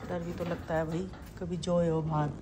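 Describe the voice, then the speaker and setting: A woman's voice: little pitch movement, moderate pace, heavy background noise. A young woman vlogger chatting casually to her viewers, keeping her voice down at times. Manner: chatty, addresses viewers as bhai; lowers voice to avoid waking someone. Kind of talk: casual daily vlog chat.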